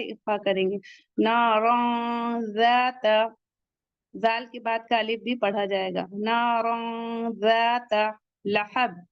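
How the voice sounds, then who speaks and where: A woman teaching the rules of Quran recitation, slowly sounding out each word and then explaining how to pronounce it. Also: a little high, dry recording, dull audio. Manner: slow, deliberate, drawn-out recitation of each word.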